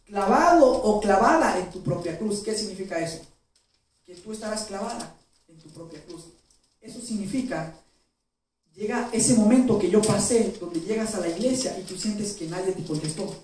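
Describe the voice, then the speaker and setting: A man's voice: high-pitched, moderate pace, a little mellow. A male pastor preaching a sermon, telling a personal story emotionally and asking the congregation questions. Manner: emotional, self-described crier. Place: church. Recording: very echoey hall, mic far off, faint noise.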